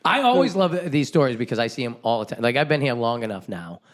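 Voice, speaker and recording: A man hosting a casual podcast chat, animated and joking, swearing freely and laughing often. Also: medium pitch, fast. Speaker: podcast host.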